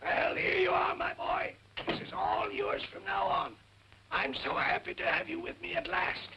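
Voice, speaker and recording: An actor playing a blustering, cantankerous older businessman with a hoarse, cracking voice, in 1940s screwball comedy banter. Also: very high-pitched, flat delivery, normal speed, highs cut off. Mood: pleased, brisk. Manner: indignant, blustering. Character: blustering, cantankerous older businessman uncle who hates music. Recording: noisy, crackly 1940s film soundtrack.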